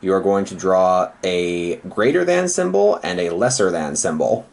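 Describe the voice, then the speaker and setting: Playful man with very lively, swooping intonation, casual pictionary guessing game banter. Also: deep voice, moderate pace, vocal fry. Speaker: player in a drawing guessing game.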